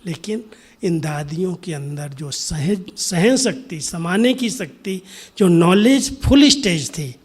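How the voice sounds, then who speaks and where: A middle-aged man giving a spiritual discourse, telling a story in an unhurried way and sometimes sinking to a soft near-whisper. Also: sits high. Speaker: spiritual speaker.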